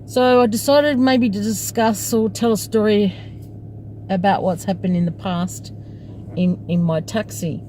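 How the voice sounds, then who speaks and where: A woman's voice: fairly low pitch, warm tone, a little hiss or hum. A woman taxi driver, telling a story from her cab in a chatty, wry way and laughing as she goes. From Australia. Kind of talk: casual storytelling vlog. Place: parked in her taxi at a rank.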